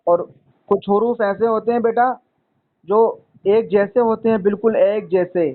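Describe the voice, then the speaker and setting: Patient and repetitive, a man teaches a student to read Arabic letters in a one-on-one lesson, frequently calling him son. His voice sits high, his tone steady, his pace measured, and the audio is narrow and tinny.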